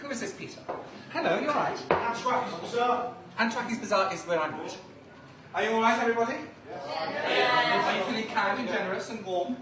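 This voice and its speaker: A drag performance poet from Liverpool, England, camply and flamboyantly bantering with a live crowd before reciting his poem, speaks in a very high-pitched, animated voice, fairly quick and pausing often. The recording is noisy, captured from far off in an echoey room.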